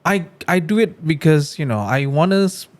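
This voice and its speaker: A man hosts a podcast in relaxed, friendly chat. His voice sits fairly high and jumps around a lot, and he teases his guest playfully. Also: normal speed. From Brunei. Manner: playful, teasing, uses "bro". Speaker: podcast host.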